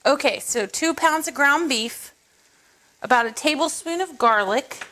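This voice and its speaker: A fairly high-voiced woman talks viewers through a recipe in her home kitchen. Her tone is chatty and casual, with asides and small jokes as she cooks. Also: lively intonation, unhurried, sharp tone. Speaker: cooking show host. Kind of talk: casual cooking tutorial.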